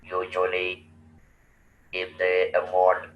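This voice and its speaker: In this roomy, distant, muffled recording with a faint hiss of noise, a guest tells his own story. He is an Indian man in his sixties whose low monotone stays flat while he speaks slowly and deliberately, stopping and restarting.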